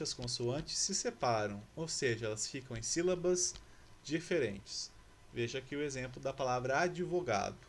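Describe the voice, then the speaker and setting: A man's voice: mid-range voice, a little hiss or hum. A male Brazilian Portuguese grammar teacher giving a lesson to schoolchildren, patiently spelling out letters and syllables.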